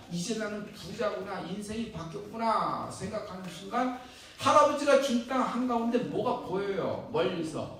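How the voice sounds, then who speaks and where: High-voiced pastor in an echoey church. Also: male voice. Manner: animated storyteller, quizzes the congregation. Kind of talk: sermon. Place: church hall. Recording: echoey church hall, distant mic, faint noise.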